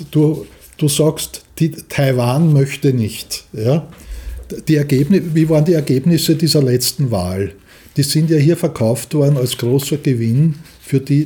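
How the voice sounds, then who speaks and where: A man's voice: medium pitch, warm tone. A man in his seventies with an Austrian accent, answering as a studio guest, hesitant, with many fillers and restarts. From Austria, Vienna. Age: 70s. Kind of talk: interview answers.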